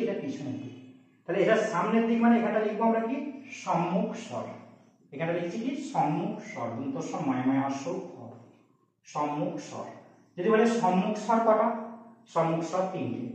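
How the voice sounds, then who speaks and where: A man's voice: fairly high pitch, darkish tone. A man teaching a grammar lesson at a board, explaining step by step and often asking his students if they follow. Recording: echoey room, distant mic, dull sound.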